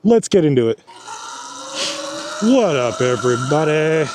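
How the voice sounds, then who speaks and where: Young guy in a helmet, kinda winded, high voice, slangy and rambly, faint noise around. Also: big pitch swings, unhurried. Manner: loose, slangy, keeps trailing off. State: out of breath. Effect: talking from inside a helmet with the visor down. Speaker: e-bike vlogger. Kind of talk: casual chat while riding. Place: on a mountain trail outdoors.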